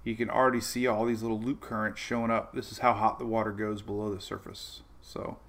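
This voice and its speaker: A man's voice: on the low side, little pitch movement, brisk, fairly bright tone. A man hosting a live weather stream, chatting loosely about the tropics, greeting viewers by name and laughing often. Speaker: weather show host. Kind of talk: live-streamed weather talk reading chat.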